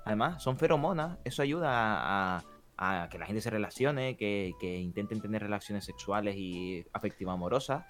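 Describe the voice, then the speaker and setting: A man's voice: lowish voice, lively intonation, moderate pace, a bit bright. A man from co-hosting a casual podcast, sarcastic and teasing, stumbling and repeating words as he talks. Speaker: podcast co-host. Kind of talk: casual live-stream chat. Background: faint background music.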